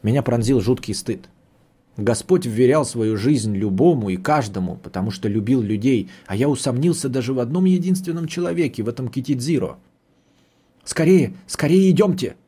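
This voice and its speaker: A man reading a novel aloud in the first person, with a measured, steady storytelling delivery. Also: mid-range voice, breathy edge. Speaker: audiobook narrator.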